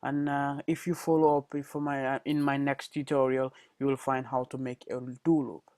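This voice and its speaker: A man's voice: medium pitch, little pitch movement, moderate pace, darkish tone, no room sound. A young man giving a casual programming tutorial over a screencast, hesitant, with many fillers and self-corrections.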